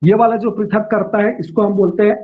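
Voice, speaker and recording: A man teaching a class, repeating and spelling out terms slowly and checking in with his students. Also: high-pitched, steady tone, phone-quality sound. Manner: checks in with "है ना" and "ठीक है". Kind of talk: classroom lecture.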